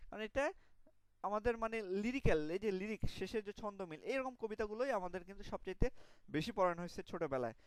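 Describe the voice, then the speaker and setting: A man's voice: high voice, expressive, quick pace, smooth, no echo, poor audio. A young man with a Bangladeshi Bengali accent, giving an online literature lecture and explaining terms with many fillers and restarts. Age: young adult. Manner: explanatory, with frequent fillers and self-corrections.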